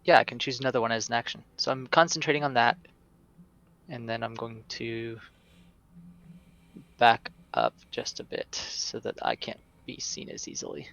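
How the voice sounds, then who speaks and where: Gravelly man on a muffled mic. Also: medium pitch, level tone, normal speed, fairly bright tone. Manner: casual, hesitant with fillers. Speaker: player. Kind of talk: playing a tabletop game.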